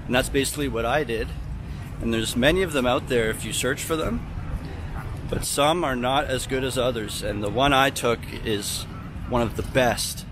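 A man in his thirties talking casually to a camera held at arm's length while walking through a city park. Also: mid-range voice. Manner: casual, chatty, explanatory. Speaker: travel vlogger and English teacher. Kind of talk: walking vlog talk to camera. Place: outdoors in a city park and temple grounds. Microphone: handheld camera at arm's length. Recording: outdoor city noise behind. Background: traffic and city ambience.

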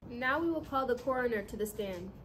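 A woman's voice: a little high, expressive, a little fast, a little hiss or hum, close to an everyday voice. A woman playing a courtroom judge in a homemade drama, speaking in a formal, procedural way. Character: stern female courtroom judge.

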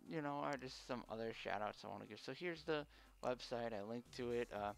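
A man chats casually on a livestream through a face mask, which muffles his words. His mid-range voice has a lot of creak and fry. He talks haltingly and without polish, with faint music behind him. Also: medium pitch. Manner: halting, hesitant, unpolished first-time streamer. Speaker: live streamer. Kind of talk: casual unscripted livestream chat.

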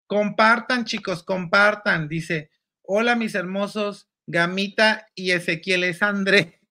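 A man's voice: high voice, steady tone, slow, sharp tone. A man hosting a casual gossip show, campy and exclamatory, reading viewer comments aloud. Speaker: show host.

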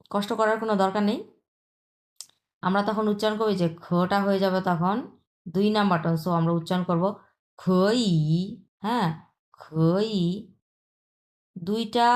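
A woman with a Bangladeshi accent teaching a language lesson, patiently repeating points and drawing out example sounds slowly. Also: on the low side. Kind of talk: explanatory lesson.

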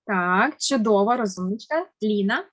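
Teaching children a language on a video call, this woman speaks in a mid-range, fairly bright voice with lively intonation. She encourages them patiently, pronounces words with slow, deliberate stress, and praises every reply.

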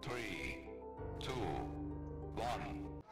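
A man voicing a cold, mechanical male robot announcer with a gravelly, drawn-out delivery, counting down and giving warnings. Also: sits low, big pitch swings, full character voice. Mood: flat countdown. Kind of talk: game announcement. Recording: loud music behind.

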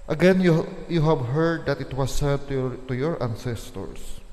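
A man, a priest proclaiming the Gospel at Mass in a slow, measured way that leans on key words, his voice ringing with cathedral echo in a large church. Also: mid-range voice, a little mellow. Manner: slow, measured liturgical reading with stressed words. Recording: echoey church with long reverb.

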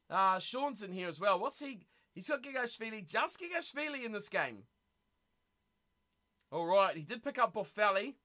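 Kiwi guy streaming a rugby watch party, bright voice, bouncy pitch, teasing chat and laughing a lot. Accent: New Zealand. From New Zealand. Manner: chatty, teasing, laughs often. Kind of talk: casual live-stream chat, reading chat aloud.

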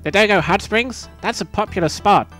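A man's voice: sits high, normal speed, fairly bright tone, soft background music, pitched above the performer's own voice. A man doing a fretful young dragon boy. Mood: earnest. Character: young naive male dragon god's son.

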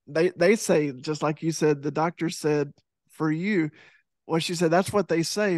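Guest slot: a man in his thirties from Texas, slightly high-pitched, heartfelt, speaking over a headset mic in a dry room. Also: dry recording. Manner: earnest, heartfelt, with many restarts and fillers. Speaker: podcast guest, fitness instructor and author. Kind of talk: casual video-call interview. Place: home room with poster behind. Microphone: headset mic on boom arm over video call.

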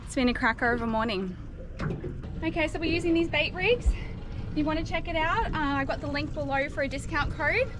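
A young woman talks through her fishing trip in a high, lively voice, whooping when she hooks a fish. She is out on a small boat on open water, caught by an action camera. Heavy wind and boat noise roar behind her. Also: fairly quick. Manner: excited whoops and exclamations, chatty. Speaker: fishing vlogger. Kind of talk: casual fishing vlog commentary. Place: outdoors on a small boat at sea.

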